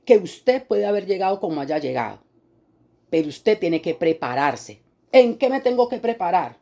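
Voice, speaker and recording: A woman preacher giving an animated sermon, acting out quoted people in high mocking voices. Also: moderate pace.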